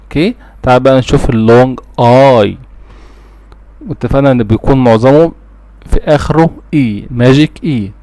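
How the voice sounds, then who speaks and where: A man's voice: medium pitch, moderate pace, pauses often, mellow. Egyptian man drilling English vowel sounds. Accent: Egyptian Arabic. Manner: drills words one by one, contrasting right and wrong pronunciations. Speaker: English teacher. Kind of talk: phonics lesson, reading word lists aloud.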